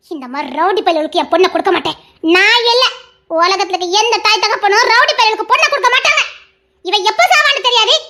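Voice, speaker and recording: A shrill defiant mother. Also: exaggerated voice. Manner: sharp, scolding. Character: defiant middle-aged mother refusing a gangster suitor. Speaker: bride's mother.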